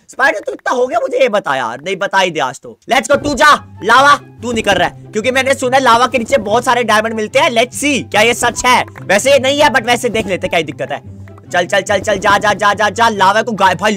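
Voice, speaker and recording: Excitable young man narrating Minecraft play. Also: very high voice. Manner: excitable, chatty, talks to the game. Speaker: gaming YouTuber. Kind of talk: Minecraft let's-play commentary.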